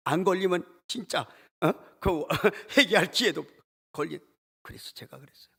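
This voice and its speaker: A man preaching a sermon as a church pastor, with a passionate delivery that leaps up in pitch and drops to near-whispers. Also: lively intonation, normal speed, vocal fry, a bit bright, slightly rough. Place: church sanctuary.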